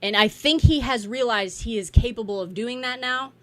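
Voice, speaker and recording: A woman's voice: fairly high pitch, moderate pace. A woman giving a blunt, profane, exasperated political rant in a casual, unscripted way. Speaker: political commentator.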